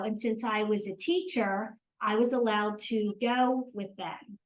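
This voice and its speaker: An older South Jersey woman with a local accent, her voice a little high, chats casually as an interview guest. She hesitates a lot, with many ums and restarts, and the recording is rough.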